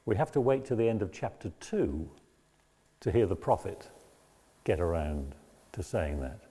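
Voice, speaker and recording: A man giving a lecture on a Bible book, reading passages aloud and explaining them in a measured way. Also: low voice, sing-song, warm tone, husky. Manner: measured, explanatory, raises voice when quoting. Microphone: battery-powered mic.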